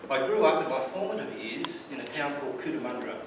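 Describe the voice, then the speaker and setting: Talking fast in a fairly high, animated voice, an Australian man delivers a prepared personal speech at a club, with wry stories and a few stumbling repeats. Heavy echo, a distant mic and clear background noise mark the recording.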